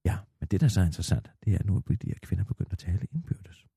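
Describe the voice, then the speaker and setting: A husky, gossip-hungry middle-aged woman, as a man puts her on for a radio comedy sketch. Her voice swoops from hushed secrets to eager peaks, and it sounds close and dry with no room around it. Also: sits low, lively intonation, no echo, in a whisper, full character voice. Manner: breathless gossiping, dropping to a hush.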